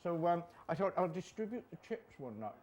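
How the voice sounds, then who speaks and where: A man's voice: sits high, big pitch swings, a little fast, darkish tone, lo-fi sound. A man playing a boozy, jolly old Santa Claus on a studio chat show, rambling and making self-mocking jokes.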